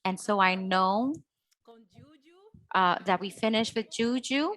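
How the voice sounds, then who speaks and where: A woman's voice: mid-range voice, slow pace, fairly bright tone, poor audio. A woman hosting a healing workshop, speaking hesitantly with many fillers and restarts. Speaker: host. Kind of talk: workshop talk.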